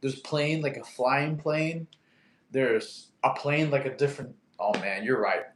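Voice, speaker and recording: A man in his thirties, Russian by first language, hosts a relaxed livestream, reading comments, laughing often, and chatting with his cat. His medium-pitched voice is unhurried and a bit bright, recorded in an echoey room with a little hiss or hum.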